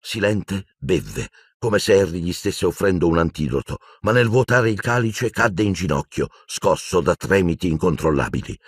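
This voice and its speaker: A man narrating an audiobook with dramatic, expressive storytelling into a close microphone. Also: low-pitched, moderate pace, few pauses, slightly rough, no room sound.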